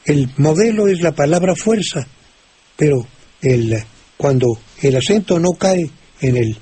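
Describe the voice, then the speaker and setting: An older man with a Mexican Spanish accent, explaining word usage on a radio call-in show, slowly, with many restarts and fillers. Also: fairly high pitch, lively intonation, mellow, breathy edge. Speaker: language expert answering listener questions. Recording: old radio recording with faint hiss.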